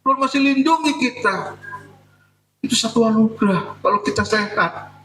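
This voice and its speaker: A man's voice: sits high, normal speed, sharp tone, slight background noise. A male pastor preaching a conversational sermon in a church, telling jokes and acting out prayers. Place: church hall. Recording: echoey hall, picked up from a distance.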